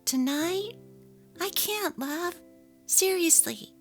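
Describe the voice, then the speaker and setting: In a dramatic story reading, a woman uses a very high-pitched, expressive, slow and exaggerated voice to play a young working wife and mother. She sounds apologetic, evasive and placating, with faint music in the background.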